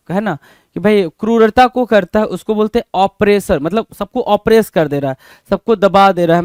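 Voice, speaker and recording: Indian guy, hindi speaker, high clear voice, vocab lesson, keeps quizzing everyone "bhai", dry close sound. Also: a little mellow, dry recording. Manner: keeps asking rhetorical questions, calling the viewers "bhai". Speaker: English vocabulary teacher. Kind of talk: exam-prep vocabulary lesson.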